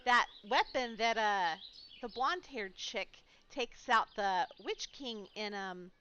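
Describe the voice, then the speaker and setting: A woman's voice: a little high, lively intonation, takes it slowly, bright, forceful tone, clean tone, dull audio. A woman chatting casually as co-host of a game park tour, giggly and exclaiming, close on a microphone. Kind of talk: casual gaming chat.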